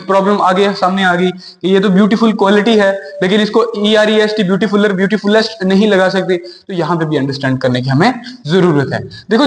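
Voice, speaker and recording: A man teaching English grammar in a classroom lesson, explaining step by step and asking rhetorical questions. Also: sits high. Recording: echoey room with long reverb.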